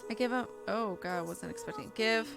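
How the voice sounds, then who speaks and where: Fairly quick and medium-pitched with vocal fry, a woman live-streams a game over its background music. Expressive readings of the story text alternate with casual chat and self-interrupting reactions.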